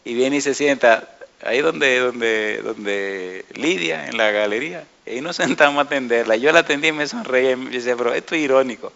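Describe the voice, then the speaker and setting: A middle-aged man delivers a sermon in a bright, ringing voice at an ordinary middle pitch. He talks in a lively way and keeps turning to the congregation with questions. His carries a clear Caribbean lilt. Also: moderate pace, highs cut off. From Dominican Republic. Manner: animated, asks the congregation questions. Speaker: preacher.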